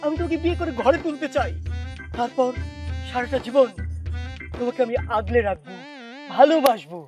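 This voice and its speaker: A lovestruck bumbling suitor. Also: male voice, very high voice, moderate pace, music in the background. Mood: pleading. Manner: stammering, excitable, breaks into song.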